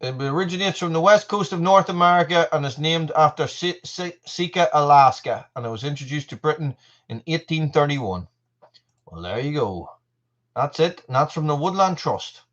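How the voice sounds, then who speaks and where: A man's voice: a little high, animated, moderate pace, a bit bright. Rambling Irish man on a lo-fi live stream. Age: 40s. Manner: rambling, with many fillers and restarts. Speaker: channel host. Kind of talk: casual live-stream chat.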